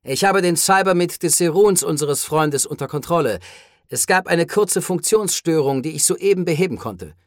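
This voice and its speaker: A narrator voicing a huge, calm alien who reports matter-of-factly, in an audiobook reading. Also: medium pitch, moderate pace, dry recording, studio quality, close to an everyday voice.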